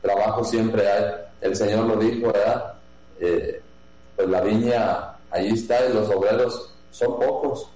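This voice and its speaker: A man from Jalisco, a priest who runs a seminary, answering interview questions slowly, with many pauses, fillers and restarts. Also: fairly low pitch, steady tone, mellow. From Mexico, Jalisco. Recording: echoey room with mains hum.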